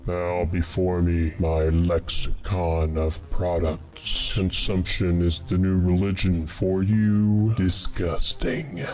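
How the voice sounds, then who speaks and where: A man voicing a deep, slow tyrant of darkness. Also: flat delivery, a little mellow. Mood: contemptuous. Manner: scornful, domineering pronouncements. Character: menacing godlike male ruler of darkness and consumption. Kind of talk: dramatic spoken-word monologue.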